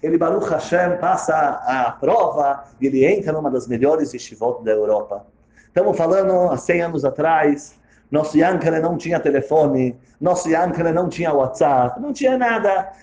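A man tells a sermon story in a fairly high voice that rises and falls with lots of life. He is dramatic and animated, and he sounds echoey, as if in a reverberant room. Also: normal speed, muffled recording. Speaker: religious teacher.

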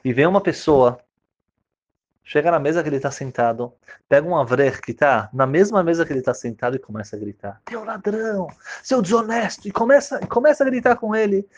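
A man giving a sermon, telling stories and acting out the voices in them with sudden loud, high cries. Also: very animated, brisk. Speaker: religious teacher. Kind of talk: sermon with storytelling. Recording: dull lo-fi recording.

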